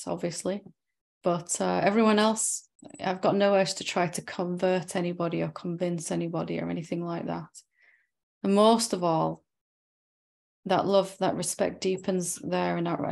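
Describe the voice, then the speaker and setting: A woman spiritual teacher in a satsang dialogue, reflective and gently probing, often closing her points with tag questions. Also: fairly low pitch, vocal fry.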